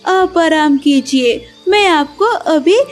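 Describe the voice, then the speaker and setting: A woman voicing a gentle, humble young wife bird in a cartoon, speaking politely and caringly. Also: sits high, slow pace, soft background music.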